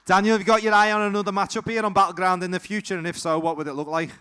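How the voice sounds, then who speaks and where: Energetic man hyping a crowd. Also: sits high, rapid-fire, clean tone. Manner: hypes the crowd, loud and energetic. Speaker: commentator and MC. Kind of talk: live sports commentary and interviews.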